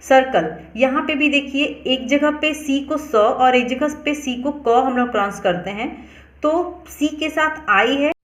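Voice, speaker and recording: A woman teaching English pronunciation, explaining rules slowly and spelling words out letter by letter. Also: high voice, roomy sound. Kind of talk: explanatory lesson.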